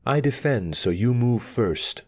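A man voicing a proud, clever young swordswoman who speaks in short, clipped, quietly defiant lines. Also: medium pitch, expressive, unhurried, pitched above the performer's own voice. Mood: cool defiance.

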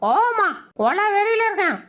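A woman's voice: very animated, a bit bright, exaggerated voice. A woman dubbing a cheeky, hot-tempered pet animal in a comic animal video, firing off mocking threats. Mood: scornful. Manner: squeaky, fast, mocking threats.

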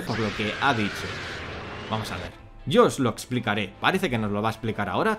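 A chatty man reads through a fan manga and reacts as he goes. His voice swoops up and down with excitement. Faint music plays behind him. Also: mid-range voice. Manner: chatty, excitable, thinking aloud. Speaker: channel host. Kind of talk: manga reading and commentary.

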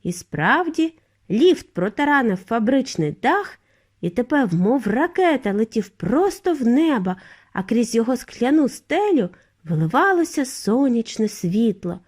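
A woman narrating a children's book as a bedtime story, reading with expressive, animated delivery. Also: fairly high pitch, unhurried. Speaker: audiobook reader.

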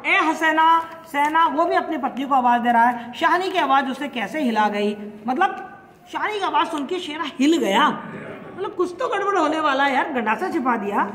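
Woman teacher, explaining a story, paraphrasing each line, high voice, roomy echo. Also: moderate pace. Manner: explanatory, repeats and paraphrases, lively. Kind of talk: explaining a literature text. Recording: echoey room with long reverb, faint hiss.

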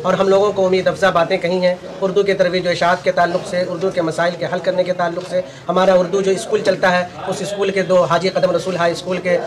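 A man speaks in a formal, ornate way into a reporter's mic. His voice is high for a man and stays flat, with little rise or fall. A crowd murmurs clearly around him indoors. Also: quick pace, hardly any pauses, low-quality recording. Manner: formal, flowery Urdu-style phrasing. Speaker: community organization member. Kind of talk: speaking to a news camera. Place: indoor hall among a crowd. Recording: crowd noise behind.

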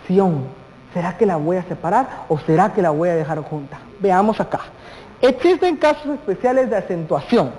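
A teacher leads a televised lesson, turning to the students with questions and drawing out the words that matter. The voice sits at a mid pitch. It rings with a long reverb, as if recorded in a large hall. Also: a little mellow, slight background noise. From Guatemala. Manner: addresses students directly, asks questions, stretches key words.

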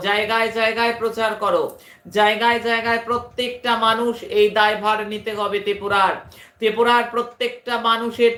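A woman's voice: medium pitch, a bit bright, roomy sound. A woman spiritual guru giving a devotional address with mantras and daily forecasts, speaking in a declamatory, repetitive and emphatic way.

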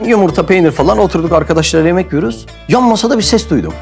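A man from Mersin, Turkey hosting and telling a comic anecdote in a lively way, acting out quoted voices. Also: high voice, racing, vocal fry, soft background music. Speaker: host and storyteller. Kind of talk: animated comic anecdote storytelling.

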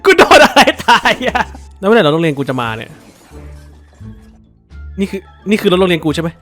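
A man's voice: high voice, animated, brisk, fairly bright tone, faint music behind. A man hosting a let's play, swearing freely, yelping in surprise and laughing often as he plays. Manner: laughs often while playing. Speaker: gaming channel host.

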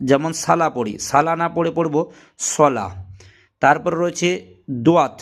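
A man teaching Quran pronunciation in a patient spoken lesson, spelling out letters one by one with some hesitant pauses. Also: fairly high pitch.

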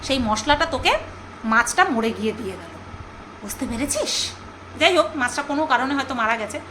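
A woman's voice: high-pitched, expressive, fairly quick, noisy background. Chatty, teasing woman vlogger. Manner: chatty, teasing, scolding, mock-mimics others. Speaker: vlogger reacting to another creator. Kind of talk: casual commentary vlog.

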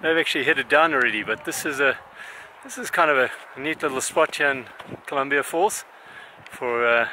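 A man's voice: medium pitch, normal speed, sharp tone, slight background noise, poor audio. An older man hosting a hiking vlog, chatting and laughing as he films himself on a snowy forest trail with a handheld camera. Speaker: vlog host. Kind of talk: casual hiking vlog narration. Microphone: handheld camera held at arm's length.

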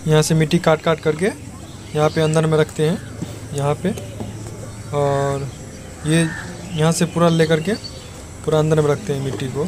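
A man's voice: on the high side, little pitch movement, moderate pace, pauses often, noisy background. A young man from Bihar, India, talking casually to his phone at arm's length outdoors, chatty and complaining as he explains things step by step. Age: young adult. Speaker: village vlogger. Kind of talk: casual vlog to camera. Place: outdoors at a building site and rice fields. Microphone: phone held at arm's length.

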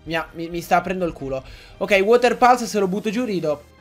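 A young man giving excitable, joking Let's Play commentary to his viewers, often swearing. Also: sits high, a little fast, soft background music. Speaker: gaming YouTuber.

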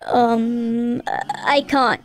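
A downcast little schoolboy for a kids' cartoon. The voice sits high and moves slowly, meek and hesitant. Faint music sits underneath. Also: female voice, little pitch movement, rough recording. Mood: reluctant. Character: shy, downcast young schoolboy in a children's cartoon. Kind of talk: children's educational cartoon acting.

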